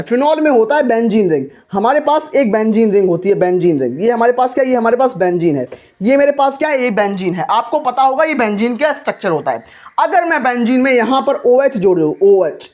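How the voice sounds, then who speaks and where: A man teaching chemistry for a board exam. He keeps asking his own questions and answering them in a steady, repetitive call-and-response rhythm. His tone stays earnest and encouraging throughout. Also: extremely high pitch.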